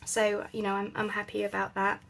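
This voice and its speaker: A woman's voice: mid-range voice, monotone, brisk, gravelly. A woman chatting casually as she works on a craft project, thinking aloud with lots of fillers. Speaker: crafting channel host.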